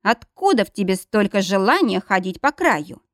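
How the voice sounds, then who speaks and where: A jealous, grumpy old man of seventy-five, as a woman narrator reads him, grumbling and sulking in a lively-pitched voice. The recording is dry and close. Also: normal speed, dry recording, natural voice. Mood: sulky. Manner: grumbling, sulky.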